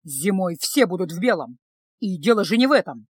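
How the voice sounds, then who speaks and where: A woman voicing a jealous, sulky young male vampire, speaking low and curt. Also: very animated, a little fast, husky, no room sound. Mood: resentful.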